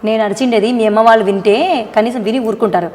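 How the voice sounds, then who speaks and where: A sharp, reproachful wife, played by a woman, rattling off her lines at a very fast pace in a fairly high voice. Her melodramatic family-drama scene sits in a roomy, echoing space with background music. She sounds fed up with her husband. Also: steady tone, natural voice. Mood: scolding. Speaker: actress in a family drama short. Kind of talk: melodramatic short-video acting.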